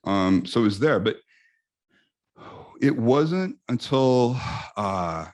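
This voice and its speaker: A man in his fifties from the United States, a guest telling animated stories in a casual interview with frequent restarts. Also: mid-range voice, slow pace.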